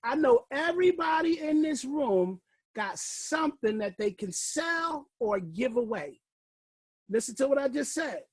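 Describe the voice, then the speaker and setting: Fiery high-voiced man coaching a class. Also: very animated, unhurried, no room sound. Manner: fiery preacher-like delivery, swinging from loud shouts to low murmurs. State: out of breath. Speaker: class leader. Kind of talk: motivational teaching call. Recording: recorded call.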